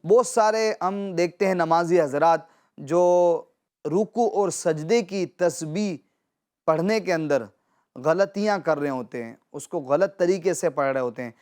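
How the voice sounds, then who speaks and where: A man's voice: a little high, darkish tone, clear, resonant tone. A man teaching children Quran pronunciation, patiently repeating and drawing out words to model them. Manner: addresses viewers as dear children. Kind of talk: children's tajweed lesson.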